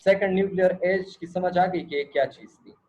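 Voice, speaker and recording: A man's voice: sits high, fairly even intonation, fairly quick, a little mellow. A male lecturer, teaching a class and often checking that students follow, with English asides. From Pakistan. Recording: dull lo-fi recording.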